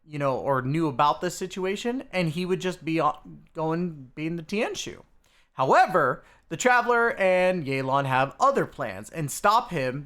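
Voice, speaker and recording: This man's voice is fairly high and a touch bright. He hosts a video and gives his audience a relaxed game story recap, addressing them informally as "guys" and "dudes."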